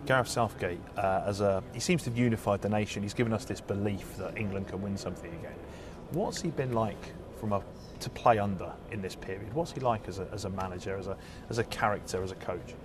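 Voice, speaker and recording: A man's voice: lowish voice, fast, few pauses. A man working as a sports reporter, putting conversational questions in an interview. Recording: noisy location ambience.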